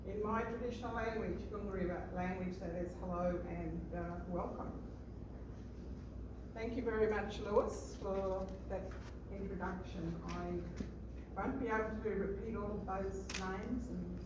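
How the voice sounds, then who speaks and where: An older woman speaks to an outdoor gathering as an elder, pausing with many fillers. Her voice comes through a public address system, heard from a distance, with heavy echo and clear background noise. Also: medium pitch, steady tone. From Australia. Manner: unhurried, hesitant with many fillers. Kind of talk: public address at a community event. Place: outdoor gardens event.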